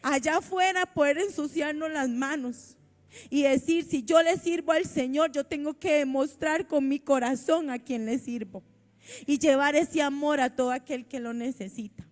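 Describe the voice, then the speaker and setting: A woman's voice: high-pitched, moderate pace. A woman with a Costa Rican accent preaching a sermon in a church, reading scripture aloud and commenting on it fervently.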